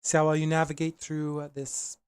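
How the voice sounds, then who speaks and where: A man working as game master, improvising tabletop narration casually and haltingly as he searches for descriptive words. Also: a little high, monotone, clear, resonant tone, no echo.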